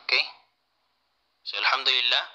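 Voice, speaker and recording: Male teacher, very bright tone, patient and repetitive delivery. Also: mid-range voice, normal speed, rough recording. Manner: patient, repeats key points, answers students. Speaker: Arabic teacher. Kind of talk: online class lecture.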